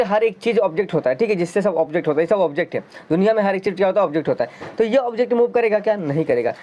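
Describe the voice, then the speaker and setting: A man's voice: high-pitched, a little mellow. A man teaching a school science lesson in a chatty, coaxing way, asking his students questions as he goes. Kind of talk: explaining a science lesson in Hindi. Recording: dull lo-fi sound.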